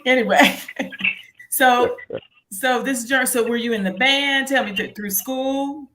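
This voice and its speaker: A woman's voice: sits high, fairly even intonation, slow pace, fairly bright tone, poor audio. A woman hosting a casual interview in an effusive, encouraging way. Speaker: interview host.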